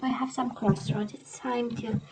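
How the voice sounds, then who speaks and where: A woman doing a casual tarot love reading, hoarse as she loses her voice, often clearing her throat and tagging her sentences with "right?". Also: fairly high pitch, dull audio, noisy background. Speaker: tarot reader.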